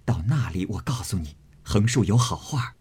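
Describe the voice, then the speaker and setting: A fawning, sly middle-aged sister-in-law from a storybook, coaxing with little chuckles, as a man puts her on. She speaks softly and sweetly, pitched a bit above his own voice. His tone stays husky. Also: lively intonation, moderate pace, full character voice. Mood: wheedling. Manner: wheedling, chuckling.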